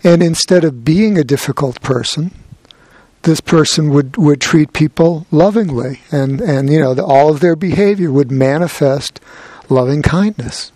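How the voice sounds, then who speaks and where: A man giving a gentle, reflective dharma talk as a meditation teacher, with a light touch of humor. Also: a little high, moderate pace, dry recording.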